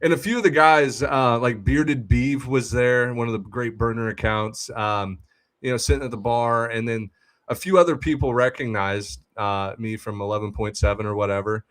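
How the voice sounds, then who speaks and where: A man's voice: medium pitch, moderate pace. A young man, host of a sports podcast, telling a funny story in casual chat and acting out the people in it. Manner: animated storyteller, acts out quoted voices.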